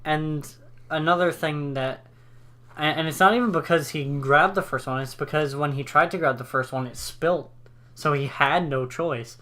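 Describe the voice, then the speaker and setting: A man's voice: on the high side, normal speed, pushed and bright. A man co-hosting a casual podcast chat, rambling enthusiastically with lots of fillers. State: hiccups. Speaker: podcast co-host.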